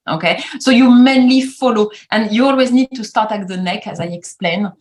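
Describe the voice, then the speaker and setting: A woman's voice: medium pitch, moderate pace, a little mellow. A middle-aged woman from France with a French accent, chatting as an interview guest, with lots of fillers and easy laughter. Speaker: guest, facial cupping practitioner. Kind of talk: casual interview chat.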